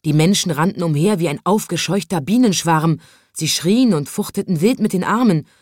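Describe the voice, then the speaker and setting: A woman reading a children's story aloud in a calm, expressive way. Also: lowish voice, normal speed, no echo, clean studio sound.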